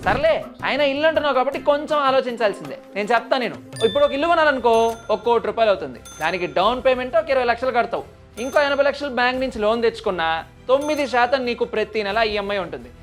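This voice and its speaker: A woman doing a rapid scolding guru, lecturing, higher voice, light music behind. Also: animated, close to an everyday voice. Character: scolding know-it-all guru giving money advice. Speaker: guru giving finance tips. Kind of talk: comic short ad skit.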